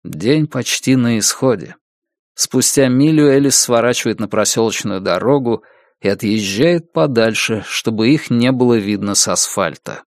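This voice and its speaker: A man giving a steady, measured scripted narration of an audiobook. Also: mid-range voice, dry recording, studio quality.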